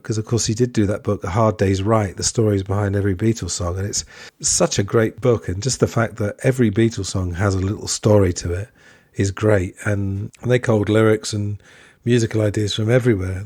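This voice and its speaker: A male podcast host with a lowish, mellow voice, reading book passages and chatting straight to his listeners. The sound is dry and close, with no room around it. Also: dry recording. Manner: chatty, reads passages aloud, addresses listeners directly.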